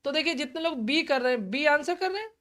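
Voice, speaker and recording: A woman teaching a live online exam-prep class, encouraging and patient, who repeats answers and spells words out slowly. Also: high voice, expressive, a bit bright.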